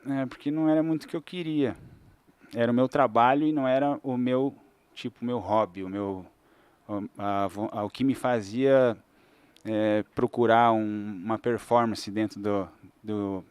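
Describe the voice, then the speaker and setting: This Brazilian podcast guest, a forties-aged fitness trainer from Santa Catarina, has a smooth mid-range voice with fairly even intonation and a moderate pace. Relaxed in the casual interview, he explains at length, restarting and using fillers. The recording is dry.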